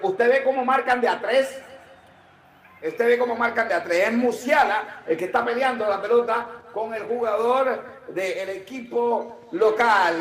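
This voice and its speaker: A man from Cartagena with a Colombian Caribbean coastal accent, calling a football match on radio with jokes and drawn-out goal calls. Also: high voice, echoey room. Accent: Colombian Caribbean coastal Spanish. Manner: jokey, excitable, drawn-out goal calls and live ad reads. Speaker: play-by-play commentator.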